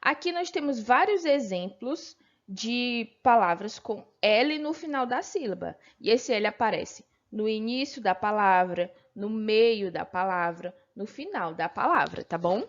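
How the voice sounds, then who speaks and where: A Brazilian woman teacher with a patient manner, slowly explaining a textbook lesson and checking in with her pupils. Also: mid-range voice, expressive, muffled recording. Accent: Brazilian Portuguese. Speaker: primary school teacher.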